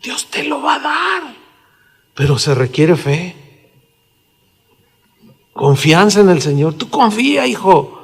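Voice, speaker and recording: A man's voice: high-pitched, sing-song, slow, creaky, long pauses, husky, exaggerated voice. A Mexican pastor voicing a wise old father. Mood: reassuring. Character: wise old biblical father counseling his son. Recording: reverberant hall.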